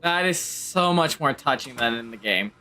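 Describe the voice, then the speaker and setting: Girl streamer chatting over gameplay, super animated pitch, faint music behind. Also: normal speed. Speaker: game streamer. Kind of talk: casual live gameplay commentary.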